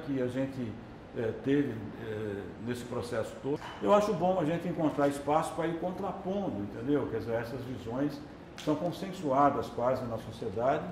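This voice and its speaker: A man's voice: mid-range voice, reverberant, background noise. A man with a Brazilian accent, a documentary filmmaker giving a casual, conversational video lecture and often checking in with his listeners. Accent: Brazilian Portuguese. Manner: chatty, keeps tagging "né?" and "entendeu?".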